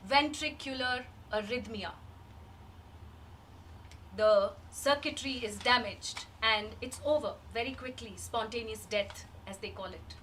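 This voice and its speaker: A woman playing a grieving, wistful woman in a rehearsed reading of a dramatic monologue, measured and halting with long pauses. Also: fairly high pitch, a bit bright. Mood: grave, explanatory. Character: grieving woman recalling a dead loved one, wistful and searching. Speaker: actor in a rehearsed reading of a play. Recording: distant microphone, faint background noise.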